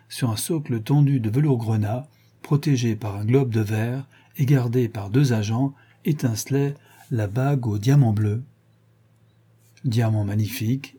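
A man narrating a classic novel in a measured storytelling manner. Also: mid-range voice, mellow, breathy edge. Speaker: audiobook narrator.

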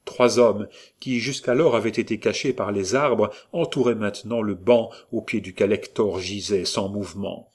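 A man narrating a novel aloud with a fairly low voice. His delivery is measured and even, in the manner of an audiobook reader.

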